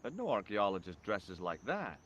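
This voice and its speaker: A man voicing a wry, curious young hero in a video game, questioning people with a lively delivery. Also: lowish voice, normal speed, muffled recording, a little hiss or hum. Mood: probing.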